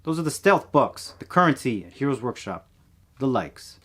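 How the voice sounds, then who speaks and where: A man in his thirties, a cosplay prop maker, talks through his build steps in a relaxed, plain way in a casual tutorial voice-over. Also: medium pitch, moderate pace, slight background noise. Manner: relaxed, plain step-by-step explaining. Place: home workshop, indoors.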